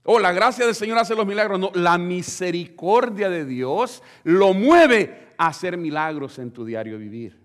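Fervent preacher man, higher voice. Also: expressive, a little slow, hardly any pauses. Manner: fervent, swings between loud and hushed; addresses the congregation directly. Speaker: pastor. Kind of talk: sermon.

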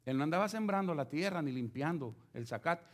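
A man's voice: a little high, brisk. A man preaching a sermon, speaking straight to his listeners with rhetorical questions. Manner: animated, addresses listeners directly with rhetorical questions.

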